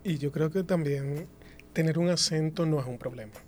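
A man speaking on a discussion panel, measured and careful, restating phrases as he refines his point. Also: on the high side, darkish tone, a little hiss or hum. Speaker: panel guest.

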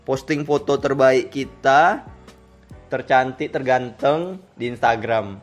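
A man's voice: medium pitch, slow pace. A man hosting a casual, joking podcast chat, often repeating words for emphasis. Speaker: podcast host. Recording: music behind the voice. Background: background music.

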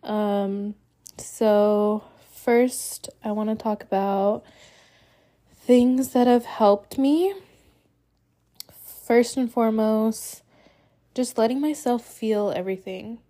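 A woman hosting a podcast, talking in a soft, halting way through tears, her voice cracking. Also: on the high side. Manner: soft, halting, many pauses. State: tearful, voice cracking. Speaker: podcast host. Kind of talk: casual podcast monologue.

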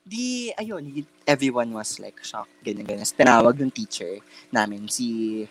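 A young man with a fairly low voice and a moderate pace co-hosts a casual podcast, telling a chatty story in mixed Tagalog and English. He uses lots of fillers and campy slang and restarts often.

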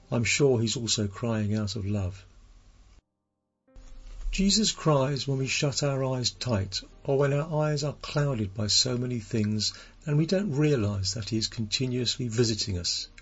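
A man giving a gentle daily gospel reflection, asking his listeners questions as a preacher. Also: medium pitch, slightly rough. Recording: lo-fi recording with faint music.

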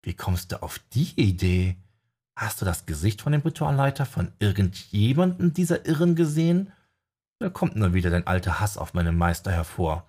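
A man voicing a sharp-tongued young woman necromancer, raised in pitch, in an audiobook. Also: very animated, moderate pace, slightly rough. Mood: brisk.

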